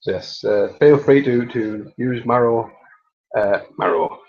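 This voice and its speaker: A man's voice: medium pitch, a little slow, dull audio. A man with a Mackem accent chatting on a live stream, rambling and self-amused, with lots of fillers and restarts. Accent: Mackem (Sunderland). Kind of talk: casual live-stream chat.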